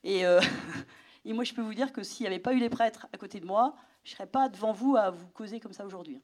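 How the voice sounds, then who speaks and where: A woman's voice: medium pitch, fast. Middle-aged woman telling her story. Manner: animated storytelling, drops to a whisper for inner thoughts. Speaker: speaker giving a testimony. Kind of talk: personal testimony to an audience.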